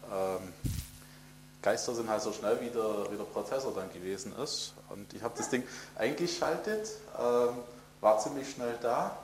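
A man's voice: medium pitch, animated, normal speed, echoey room, a little hiss or hum. A man in his fifties chatting about old computers, eager and stumbling over his words. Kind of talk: casual retro computing chat.

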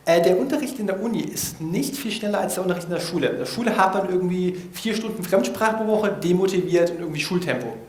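A man giving an informal talk to an audience, lively and casual with self-mocking, slangy asides. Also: sits high, fast, few pauses. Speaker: speaker giving a talk on language learning. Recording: roomy, echoey hall.

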